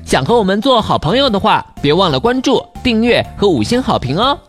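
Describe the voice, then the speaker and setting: A woman's voice: medium pitch, sing-song, brisk, soft background music, lightly acted. A woman voicing a plucky, brave young monkey in a children's audio story, childlike and exclamatory. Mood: cheerful.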